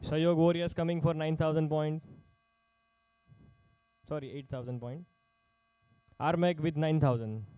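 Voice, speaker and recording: A man's voice: a little high, steady tone, unhurried, pauses often, warm tone, clean tone, no room sound, rough recording. A man working as an auctioneer at a live sports player auction, calling out bids in short, repeated phrases.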